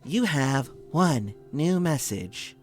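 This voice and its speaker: Man putting on an impersonal automated voicemail voice, raised pitch. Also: expressive, takes it slowly, darkish tone, faint music behind. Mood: impersonal, mechanical.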